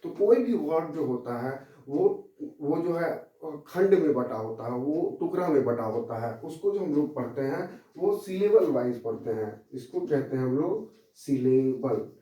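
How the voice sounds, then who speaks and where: A male English teacher giving a slow, repetitive classroom lesson, explaining letter by letter as he points to a board. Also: on the high side, lively intonation, mellow. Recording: very echoey room, mic far off.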